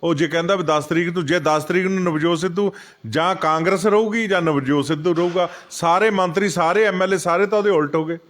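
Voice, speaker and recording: A man's voice: high-pitched, a little fast, fairly bright tone. A man, a party leader answering political questions in a heated, emphatic way. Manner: heated, emphatic, acts out what others say. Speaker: senior party leader, interviewee. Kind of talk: political interview.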